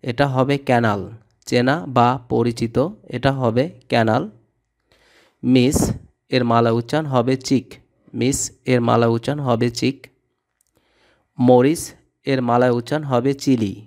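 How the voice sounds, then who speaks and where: A man teaching vocabulary, reading each word and its meaning and repeating it in a steady drill. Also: medium pitch, measured pace, long pauses. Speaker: language tutor. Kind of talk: scripted vocabulary lesson.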